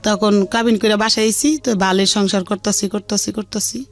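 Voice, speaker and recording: Over background music, a radio guest, a middle-aged woman speaking colloquial Dhaka Bengali, tells her own life story in conversation. Earthy and unpolished, she animates the retelling with other people's words, her mid-range voice at normal speed.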